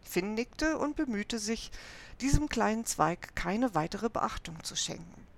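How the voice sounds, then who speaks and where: A woman reading a children's story aloud in a calm, even manner. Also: fairly high pitch, a little slow, vocal fry. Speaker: narrator.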